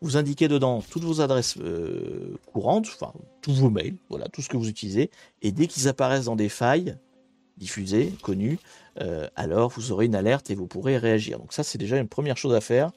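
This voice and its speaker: A man's voice: medium pitch, very animated, fairly quick, gravelly, warm tone, breathy edge, soft background music. A man hosting a casual live stream, chatting to viewers with frequent hesitations and restarts.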